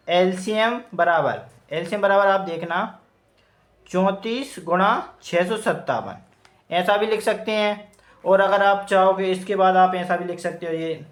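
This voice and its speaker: A man working through math problems step by step in an informal lesson, thinking aloud as he calculates. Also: sits high. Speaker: math teacher. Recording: echoey room.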